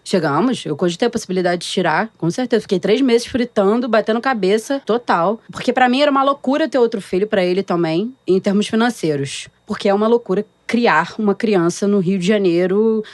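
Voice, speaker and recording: A woman tells her story in a casual interview. She talks in a lively way and acts out the voices in her anecdotes. The sound is dry and close, with a mid-range voice. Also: mid-range voice, fairly quick, hardly any pauses, no echo. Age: 30s. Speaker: interviewee, cook.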